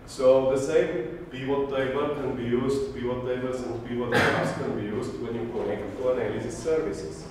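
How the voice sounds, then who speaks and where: This middle-aged Slovenian conference speaker has a mid-range, slightly mellow voice with fairly even intonation, a moderate pace and hardly any pauses. Far from the mic in a big echoing hall with audible noise, he names items one after another in a technical talk, adding light self-deprecating humour.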